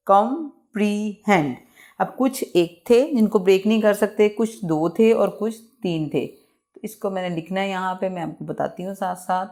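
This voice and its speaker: A woman teacher giving a bilingual English lesson, reading out example sentences and spelling out words slowly, one by one. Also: mid-range voice, a little mellow. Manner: slow, drawn-out word-by-word pronunciation.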